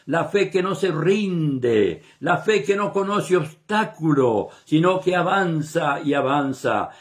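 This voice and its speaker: A man preaching a sermon in Argentine Spanish, reading a passage and retelling it with emphatic rises and drops. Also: fairly high pitch. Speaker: pastor.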